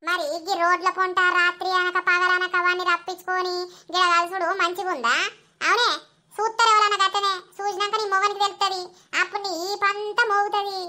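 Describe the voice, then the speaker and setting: A woman's voice: extremely high pitch, little pitch movement, a little fast, pushed and bright, heavily acted. A woman playing a nosy, scolding village busybody. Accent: Telangana Telugu. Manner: scolding, prying. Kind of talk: cartoon voice acting.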